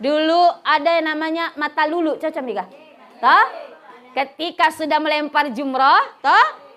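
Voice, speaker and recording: A middle-aged woman preacher from West Java giving a humorous religious lecture, telling stories lively and laughing often. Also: high-pitched, moderate pace. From West Java, Indonesia. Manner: lively storytelling, acting out characters, frequent laughter. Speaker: female Islamic preacher.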